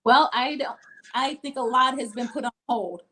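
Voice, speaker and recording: A woman's voice: high voice, normal speed, pushed and bright. A woman from Mississippi, a boutique owner, talking casually in an interview over a video call with frequent ums.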